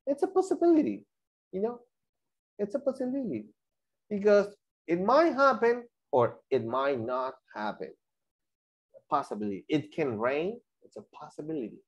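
Lively, slow-talking teacher. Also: male voice, high-pitched, lo-fi sound. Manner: switches between Spanish and English, lively and chatty with students. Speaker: English teacher. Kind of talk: online class explanation.

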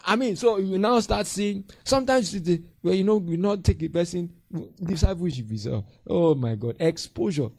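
Lively pastor, husky voice. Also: male voice, sits high, normal speed, few pauses, no room sound. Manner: animated storytelling, acts out voices and laughs often. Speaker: pastor and mentor. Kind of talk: mentorship teaching to a group.

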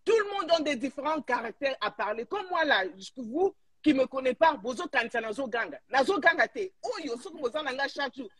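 High-pitched indignant woman on a live stream. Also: expressive, fairly quick, hardly any pauses, slightly rough. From Congo. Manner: emphatic, indignant, switches into Lingala. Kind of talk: heated live chat.

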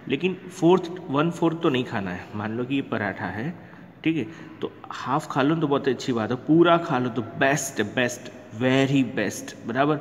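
A man's voice: mid-range voice, big-room sound, dull audio, slight background noise. A man teaching a primary school lesson, chatty, often asking a question and answering it himself. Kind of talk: recorded classroom lesson.

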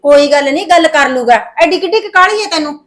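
An actress playing a middle-aged sister who briskly brushes off worries and reassures, in a short film drama. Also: female voice, sits high, expressive, fairly bright tone.

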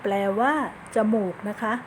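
A woman teaching kindergarten children in an online lesson. She coaxes them patiently and spells words out slowly, one letter at a time. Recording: steady background noise.

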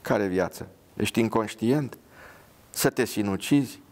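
A man's voice: lowish voice, a little mellow, close to an everyday voice. A man voicing a pious, blunt young woman dressed as a nurse, with an earnest, scolding manner.

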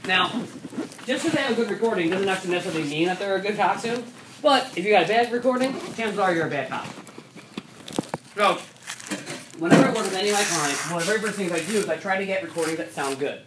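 A woman rowing coach gives an instructional talk for coxswains, speaking conversationally with a mid-range, expressive voice. She often restarts sentences, says "so" a lot, and moves through some stretches briskly. The room echoes, the mic is distant, and there's faint background noise.

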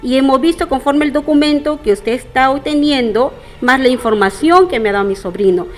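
A woman's voice: sits high, a little fast. A middle-aged woman making an indignant, formal public statement, addressing her townspeople directly. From Peru. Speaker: interviewee.

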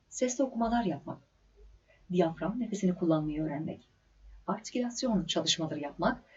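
A woman diction instructor giving a scripted lecture, with clear, measured delivery, deliberate stresses and pauses. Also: on the low side, mellow, a little hiss or hum. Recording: slightly dull lo-fi recording.

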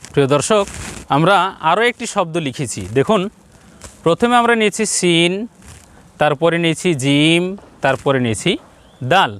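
A man teaching Quran reading on a TV lesson, addressing viewers directly, repeating points and drawing out syllables slowly. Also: fairly high pitch, a bit bright, smooth. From Bangladesh.

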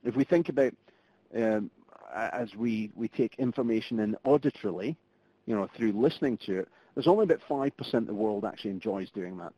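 Leading a live online training, a middle-aged Scotsman talks fairly quickly in a low, mellow, slightly rough voice. He's conversational, with many fillers and restarts, and the muffled conference audio has no room sound.

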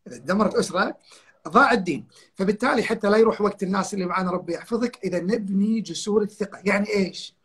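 Older man, husky and quick. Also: high voice, fairly bright tone. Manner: emphatic storytelling, repeats key phrases. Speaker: guest counselor. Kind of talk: live online talk. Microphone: video call.

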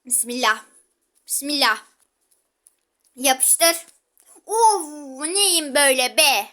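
A woman's voice: sits high, animated, extremely slow, bright, forceful tone. A woman giving chatty gameplay commentary, exclaiming and talking to her viewers while she plays. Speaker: gaming channel host.

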